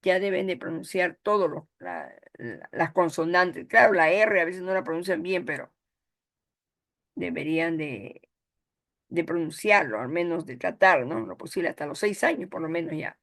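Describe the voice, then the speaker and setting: A woman's voice: fairly low pitch, animated, normal speed, a bit bright. A woman with a Peruvian Spanish accent, teaching a course and often checking in with "¿ya?" and "¿no?". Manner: explanatory, frequent "¿ya?" and "¿no?" checks. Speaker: course instructor. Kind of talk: online lecture.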